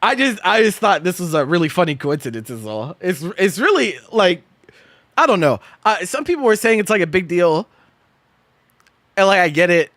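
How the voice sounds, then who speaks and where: A man's voice: sits high, very animated, moderate pace, a bit bright, dry recording. A young man chatting casually on a stream, incredulous, swearing, repeating himself and breaking into laughter. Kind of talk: casual stream chat reacting to posts.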